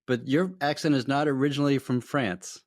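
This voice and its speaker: A man's voice: mid-range voice, fairly even intonation, fairly quick, no room sound. Upbeat male interviewer, mid-range voice, dry close sound; guides with questions. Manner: upbeat, affirming, steers with questions. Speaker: podcast host. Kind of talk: interview hosting.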